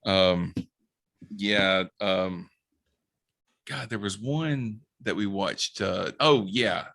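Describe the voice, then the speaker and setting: A man's voice: deep voice, drawn-out words, creaky, a bit bright, dry recording. A man co-hosting a casual chat, adding short remarks and asides. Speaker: podcast co-host.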